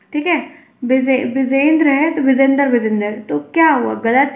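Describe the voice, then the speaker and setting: A woman's voice: high-pitched, a little mellow, reverberant. A woman teacher giving an online exam-prep lesson, explaining by repeating example words and quizzing her class.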